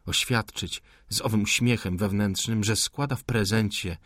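A man narrating a literary audiobook in a measured, deliberate reading manner. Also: on the low side, fairly bright tone, no echo, studio quality.

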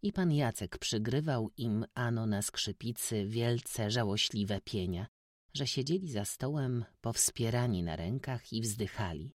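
As an audiobook narrator, a man reads a classic novel aloud in a steady, measured storytelling style. His pitch is medium, and the recording is dry and studio quality.

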